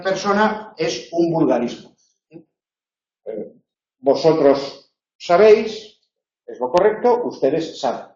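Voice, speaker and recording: A man's voice: on the high side, darkish tone, far from the mic. A man from Spain lecturing a class on grammar, explaining points step by step and often checking that listeners follow. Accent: Spanish, not from Madrid. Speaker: university lecturer. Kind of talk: recorded tutorial lecture. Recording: dull, echoey room recording from afar.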